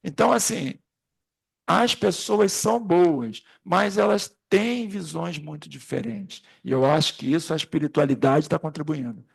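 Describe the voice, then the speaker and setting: Man, very gravelly, raspy, class facilitator, rambling anecdotes. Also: fairly high pitch, a little slow. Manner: rambling, anecdotal, addresses the group directly. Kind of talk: informal spiritist study class. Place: classroom at a spiritist center.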